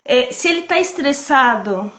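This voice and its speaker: A woman with a soft, childlike voice talking calmly about sales in a casual live chat over a video call. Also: high-pitched, measured pace. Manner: calm, reassuring, many fillers. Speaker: sales trainer.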